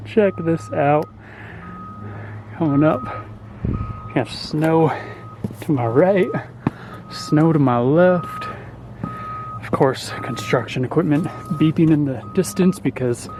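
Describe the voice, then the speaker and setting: A nature vlogger hiking up a desert mountain trail talks casually to the camera, a bit out of breath from the uphill walk. His voice is a little high, he speaks slowly with frequent pauses, and the background is noisy.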